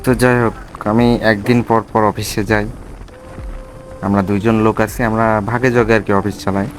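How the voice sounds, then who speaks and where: A man's voice: lowish voice, flat delivery, fairly quick, soft background music. Bangladeshi man vlogging from inside a helmet. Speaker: motovlogger. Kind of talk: casual riding vlog chat. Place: outdoors on a motorbike, inside a helmet.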